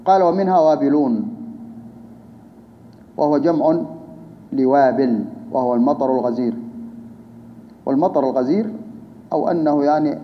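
A man's voice: medium pitch, moderate pace, pauses often. A man teaching a grammar lesson, explaining step by step and putting questions to his students. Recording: dull lo-fi hall recording with faint noise.

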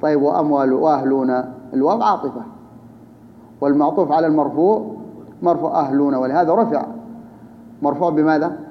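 A man's voice: a little high, fast talker, pauses often. A man teaching a grammar lesson, explaining step by step and putting questions to his students. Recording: dull lo-fi hall recording with faint noise.

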